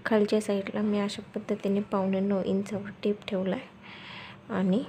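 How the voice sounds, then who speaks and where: A woman giving a step-by-step sewing tutorial, speaking softly and quietly at night, repeating steps as she goes. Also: medium pitch, completely flat delivery, moderate pace, a little hiss or hum. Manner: instructional, repeats steps and measurements.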